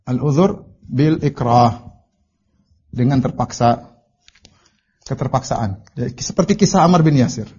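Animated preacher, dull lo-fi recording. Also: male voice, medium pitch, a little slow, long pauses, husky. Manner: animated storytelling, acts out quoted lines in raised voice; recites Arabic then explains in Indonesian. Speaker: Islamic preacher teaching a book. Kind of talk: religious study lecture.

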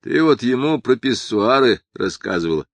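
A man's voice: mid-range voice, animated, moderate pace, dry recording, voice pushed up, close to an everyday voice. A man reading an audiobook and voicing a weary writer in a dry, ironic, offhand way. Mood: wry.

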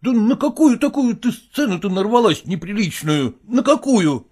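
A man's voice: a little high, big pitch swings, normal speed, darkish tone, husky, voice pushed up. A man doing an exasperated estranged husband. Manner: exasperated, pleading and firm. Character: irritable, harassed middle-aged estranged husband and father.

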